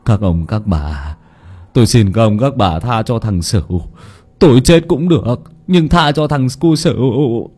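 A man's voice: medium pitch, animated, unhurried, darkish tone, husky. A man narrating an audiobook while voicing a guilty old man who pleads and wails for his son. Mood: pleading. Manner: pleading, wailing, drawn out.

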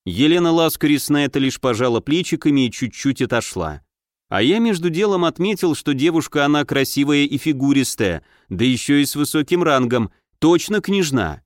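A man reads a first-person fantasy audiobook with a fairly high voice, acting out dialogue with lively energy. The recording is dry and close, with no room sound. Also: normal speed, no room sound. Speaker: audiobook narrator.

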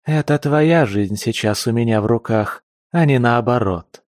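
A man's voice: mid-range voice, measured pace, darkish tone, dry recording, clean studio sound, close to an everyday voice. A man voicing a vengeful female beast-woman assassin who growls her threats in an audiobook. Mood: menacing. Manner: growling, menacing.

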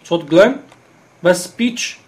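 A man's voice: high voice, expressive, normal speed. A man with an Egyptian Arabic accent explaining a screen reader step by step, with many filler sounds. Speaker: instructor.

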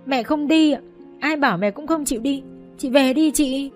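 A woman's voice: high voice, normal speed, soft background music, pitched above the performer's own voice, lightly acted. A woman voicing a young boy who cries and pleads over the phone in an audiobook story. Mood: tearful pleading. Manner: crying, pleading. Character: young boy, tearful and panicked.

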